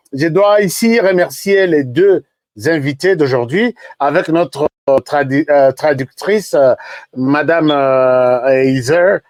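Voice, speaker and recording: A man's voice: on the high side, darkish tone, no room sound. A man hosting a political talk show, wrapping up with many hesitations and filler sounds.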